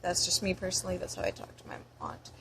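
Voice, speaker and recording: A woman's voice: on the low side, huge pitch swings, quick pace, gravelly, fairly bright tone, husky, rough recording. A young American woman talking in a casual vlog, rambling and chatty as she reads through a word list. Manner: rambling and chatty, with many fillers. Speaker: vlogger.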